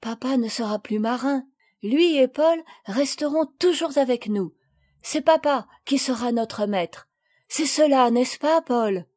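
A woman reading the part of a sweet young girl who talks softly and tenderly. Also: high voice, a little slow. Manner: soft, tender.

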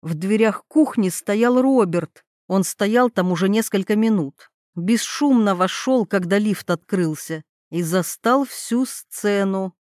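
A woman's voice: mid-range voice, takes it slowly, few pauses, darkish tone, dry recording, studio quality. A woman narrating a dramatic story as an audiobook reader.

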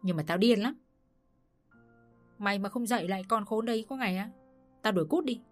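A woman's voice: mid-range voice, fairly quick, faint music behind, pitched above the performer's own voice, lightly acted. A woman voicing an abusive older mother-in-law who screams insults, in a storybook reading. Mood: aggrieved.

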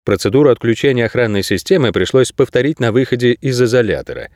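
A man narrating an audiobook in a steady, expressive storytelling manner. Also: medium pitch, fast, dry recording, clean studio sound. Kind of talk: scripted narration.

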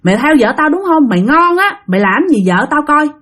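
A woman playing a furious husband, shouting and scolding fast. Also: fairly high pitch, expressive, husky. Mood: threatening.

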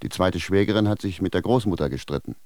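An actor playing a confused, blunt village shoemaker who speaks plainly and indignantly in a radio drama. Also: male voice, low-pitched, fast, darkish tone, no room sound, studio quality. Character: bewildered male village shoemaker, blunt, stubborn.

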